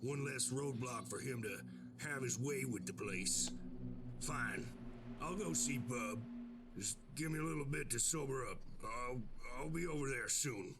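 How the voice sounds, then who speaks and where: An actor playing a drunk, hungover, sardonic sheriff in a video game, rambling like the town drunk in a gravelly voice. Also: male voice, medium pitch, very noisy, close to an everyday voice. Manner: slow, boozy town-drunk rambling, breaking into song.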